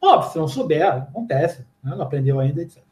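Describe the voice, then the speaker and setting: A man from Brazil with a Brazilian Portuguese accent, chatting casually as an interviewee, slangy and full of anecdotes and quick asides. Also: a little high, animated, a little mellow. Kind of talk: casual chat. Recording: echoey room.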